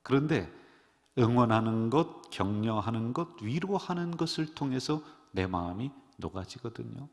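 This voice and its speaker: A middle-aged man preaching as a pastor, animated, leading his congregation in call-and-response. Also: medium pitch, moderate pace. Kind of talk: sermon. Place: church sanctuary. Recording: long church-hall reverb.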